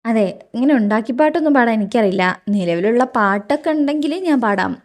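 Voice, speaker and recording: A woman's voice: fairly high pitch, lively intonation, brisk, darkish tone, close to an everyday voice. A woman voicing a timid, emotional young wife and mother who frets easily. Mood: fretful. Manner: fretful, earnest.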